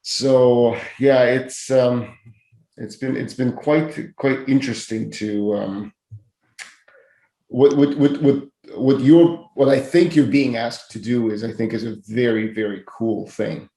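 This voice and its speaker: A man's voice: mid-range voice, fairly even intonation, slow pace, warm tone. A man co-hosting a podcast, chatting casually and rambling with many restarts. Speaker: podcast co-host. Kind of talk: casual chat. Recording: roomy echo.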